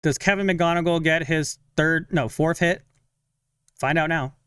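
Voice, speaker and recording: A man's voice: a little high, a bit bright, smooth, no room sound, clean studio sound. A young man chatting casually on a live stream while following a game, talking to himself and his viewers. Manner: chatty, self-talking, sighs of frustration and quick laughs.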